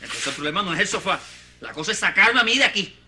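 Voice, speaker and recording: A man's voice: high-pitched, expressive, fast talker, over music. An actor with a Cuban accent playing a stubborn, emotional stepfather who pleads and stammers. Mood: aggrieved. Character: stubborn, wounded, devoted stepfather. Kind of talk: telenovela acting.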